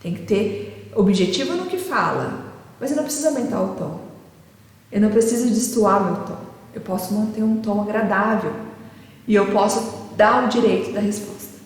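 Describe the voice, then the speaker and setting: A woman's voice: medium pitch, normal speed. Brazilian woman lecturing in an echoey hall. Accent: Brazilian Portuguese. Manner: didactic, with frequent rhetorical check-ins. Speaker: caregiving educator. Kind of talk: lecture to caregivers. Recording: echoey hall with long reverb.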